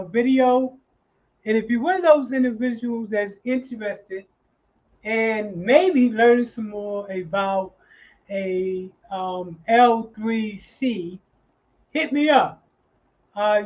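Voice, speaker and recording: A man in his sixties closing a live online class as the instructor, halting and full of fillers and restarts. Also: extremely high pitch, dull audio. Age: 60s.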